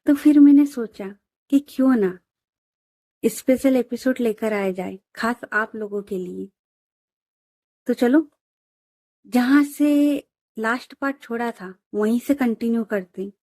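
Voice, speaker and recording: A woman's voice: on the high side, slow pace, long pauses, warm tone, dry recording. A woman storyteller narrating a story in a chatty, friendly way, talking to listeners like friends.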